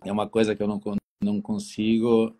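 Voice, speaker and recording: A man's voice: lowish voice, completely flat delivery, fast, dark tone. A man from Brazil with a Brazilian Portuguese accent, a football coach giving easygoing, rambling interview answers with many restarts.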